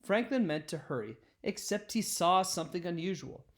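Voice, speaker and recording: This man's high-pitched voice carries a children's picture book, read aloud with expressive, carefully paced storytelling.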